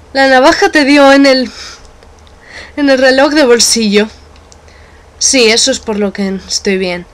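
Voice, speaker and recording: A woman reading a game's dialogue aloud, voicing each character in turn with playful shifts in pitch. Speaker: let's play narrator voicing game characters. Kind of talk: dubbing game dialogue aloud.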